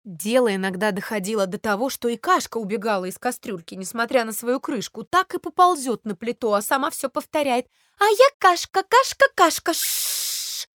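A woman reads a children's fairy tale in an expressive, measured way. Her voice sits rather high and sounds dry and close, with no room around it. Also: dry recording. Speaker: narrator reading a fairy tale. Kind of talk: storybook narration.

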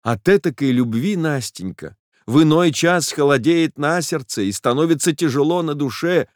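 A man's voice: a little high, lively intonation, normal speed, dry recording, studio quality. A man narrating a literary audiobook in the first person, in a reflective, emotional way.

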